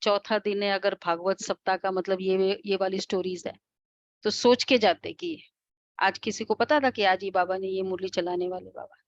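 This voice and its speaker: A woman with an Indian accent, a spiritual teacher giving a devotional class lecture, explaining and asking the class questions with soft hums. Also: medium pitch, fairly even intonation, normal speed, muffled recording.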